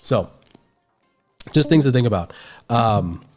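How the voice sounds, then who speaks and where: Faint music plays behind a male art instructor giving a livestreamed lesson. His medium-pitched voice is expressive, slow and a little mellow, but nasal and stuffy from a blocked nose, and his explaining rambles along with plenty of fillers.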